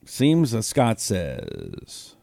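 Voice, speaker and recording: This fifties-aged American host of a political talk show speaks very slowly in a fairly low, gravelly, dark voice whose pitch swoops wildly. He reads listener comments as casual live commentary, rambling conversationally and tossing out rhetorical questions. It's studio quality with no echo.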